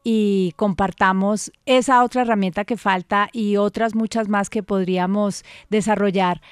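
A woman hosting a radio interview, speaking gently and reassuringly. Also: mid-range voice, steady tone, moderate pace, smooth, no echo, clean studio sound. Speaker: radio host.

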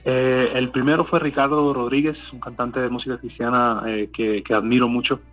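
A native English speaker from Miami, USA, this man has a Cuban Spanish accent softened by Colombian and gives hesitant interview answers full of fillers and restarts. His mid-range voice is a bit bright, with little pitch movement and a moderate pace. Faint music plays behind him.

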